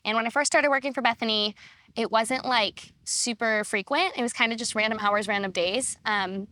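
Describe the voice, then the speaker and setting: Bright, chatty young woman guest. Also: fairly high pitch, normal speed, dry recording. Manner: chatty, many "like" fillers. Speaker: guest, assistant. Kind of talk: casual podcast chat. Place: farm, recorded on location.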